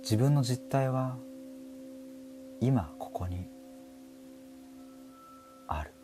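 A man putting on a hushed shady meditation guru. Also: medium pitch, animated, background noise. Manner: slow, hushed, soothing guided-meditation delivery. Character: shady male spiritual seminar guide leading a meditation. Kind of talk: whispered role-play.

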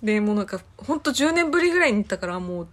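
A woman's voice: mid-range voice, very animated, rapid-fire, fairly bright tone. A woman, co-hosting a casual chat and telling a long story, acting out what people said. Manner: rambling storyteller, acts out quotes. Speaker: podcast co-host.

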